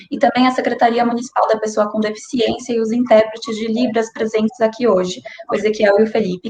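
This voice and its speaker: A woman with a Brazilian Portuguese accent giving a formal, measured introduction as host of an online lecture. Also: fairly high pitch. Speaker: event host. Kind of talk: scripted introduction. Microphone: online stream. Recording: echoey room with faint noise.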